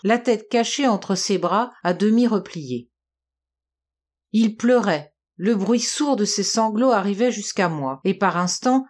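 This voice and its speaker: A woman reading aloud, narrating a classic detective story at a measured, steady pace. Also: mid-range voice. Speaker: audiobook reader.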